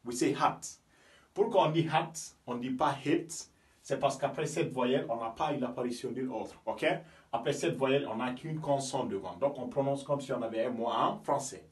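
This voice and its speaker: A man's voice: mid-range voice, fairly quick, a little mellow. English teacher guy from guinea, keeps asking ok? you understand me?, sounds a bit far off. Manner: explanatory, checks in with "ok?" and "you understand me?". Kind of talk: bilingual language lesson. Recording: voice from a distance from the mic.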